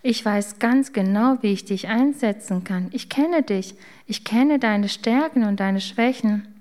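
A woman voicing a kind male master baker who speaks tenderly and slowly in a spoken storybook. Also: fairly high pitch, darkish tone, lightly acted. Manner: tender, reassuring, slow.

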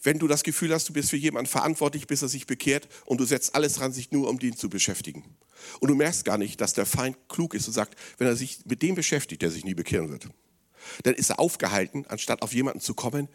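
German-speaking pastor preaching with rising emphasis. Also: male voice, mid-range voice, fast talker. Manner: animated preaching, voice rising sharply for quoted words; addresses listeners directly with rhetorical questions. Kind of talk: sermon.

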